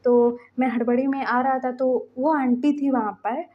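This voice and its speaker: High-voiced woman telling a fan story. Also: steady tone, normal speed, highs cut off. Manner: retells story lines in quoted dialogue. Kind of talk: casual storytelling with voiced dialogue.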